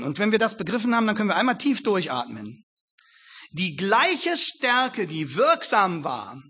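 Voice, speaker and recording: A man delivering a sermon with a high-pitched voice. His tone is bright and penetrating. He exhorts his listeners emphatically and lingers deliberately over each quoted verse. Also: slightly rough. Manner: addresses listeners directly, exhorting. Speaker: preacher.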